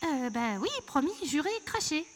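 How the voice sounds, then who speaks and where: A woman's voice: high-pitched, expressive, moderate pace, voice pushed up. A woman voicing a hesitant little girl. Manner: hesitant, pleading. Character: shy, clever little girl.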